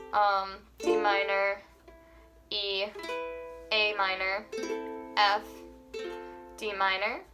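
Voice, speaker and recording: A young woman with a cold, her voice scratchy and cracking, chatting apologetically through a casual ukulele tutorial at home. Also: medium pitch. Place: home room with air conditioning. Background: her own ukulele playing.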